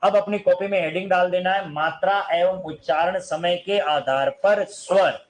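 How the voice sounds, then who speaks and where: Poor audio captures a high-voiced man running a grammar class at normal speed, his tone steady. He asks the students questions, answers them on his own, and sings fragments of songs to show long vowels.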